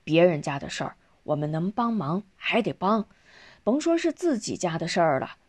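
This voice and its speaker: Earnest old guy from an audiobook, read by a woman, steady and patient, voice rises and falls a lot. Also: fairly low pitch, moderate pace. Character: earnest older man, principled and patient.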